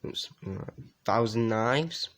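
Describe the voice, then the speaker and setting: A man casually reviewing a trading card deck, reading card names aloud and adding quick asides with fillers. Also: medium pitch, fairly bright tone.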